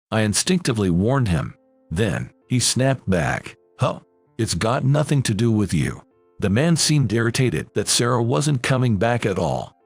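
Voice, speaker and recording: Man, story narration, lively pitch, dry recording, faint music behind. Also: slightly rough, dry recording. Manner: reads every character in one plain voice.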